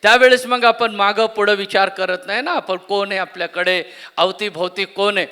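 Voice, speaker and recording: A man's voice: sits high, moderate pace, bright, forceful tone, smooth. A man preaching a sermon at a church conference, often asking the congregation questions and repeating key words. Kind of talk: Marathi sermon.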